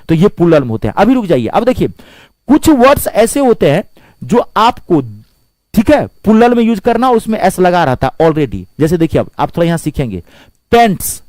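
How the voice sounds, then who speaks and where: A man's voice: a little high, darkish tone, no echo. A man teaching English grammar in a Hindi-language classroom lecture, spelling words out letter by letter and asking his students rhetorical questions.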